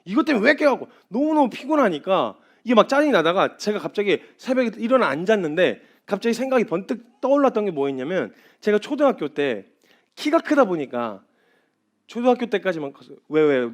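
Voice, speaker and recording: A man in his thirties preaching a sermon as a missionary, animated, acting out little scenes and then dropping to a quiet, intense tone. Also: high voice, a little fast. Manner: animated, acts out voices and crying, drops to quiet intensity.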